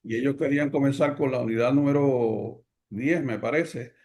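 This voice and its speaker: A man with a Puerto Rican Caribbean Spanish accent delivers political commentary as a program host, in deliberate, emphatic phrases. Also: medium pitch, darkish tone. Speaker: host of a current affairs program.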